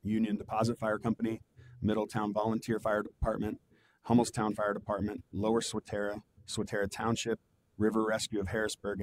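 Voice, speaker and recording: Male official chairing a public meeting, measured prepared delivery, flat intonation, faint rumbling room noise. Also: low-quality recording. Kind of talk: formal public meeting remarks, read from notes.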